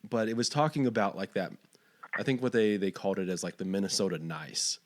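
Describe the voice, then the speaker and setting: A man's voice: on the low side, lively intonation, fairly quick. A man from Texas hosting a podcast interview, rambling and searching for his words with many fillers. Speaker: podcast host. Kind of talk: casual interview chat.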